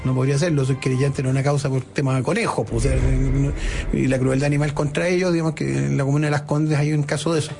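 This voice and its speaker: A man with a Chilean accent giving conversational political commentary as a radio panellist, often halting and rephrasing. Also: medium pitch, little pitch movement, creaky, a little mellow, soft background music.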